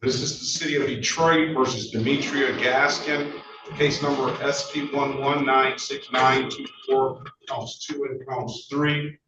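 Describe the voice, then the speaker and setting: A man serving as judge, running through cases in a brisk, matter-of-fact, procedural way, heard in a courtroom recording. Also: mid-range voice, level tone. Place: courtroom or judge's meeting room. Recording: courtroom recording, roomy, distant, muffled, noisy.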